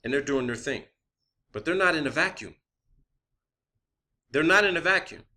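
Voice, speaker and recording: Speaking on the high side with a bright, forceful, animated voice at normal speed, this man rants through an unscripted online conspiracy monologue. He swears a lot, hammers points through repetition, and fires off rhetorical questions.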